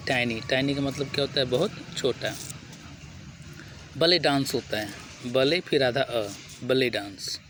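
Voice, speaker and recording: A man with an Indian accent teaching English pronunciation, repeating each word slowly, spelling it out letter by letter, and asking and answering his own questions. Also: mid-range voice, a bit bright, slight background noise. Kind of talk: spoken vocabulary lesson.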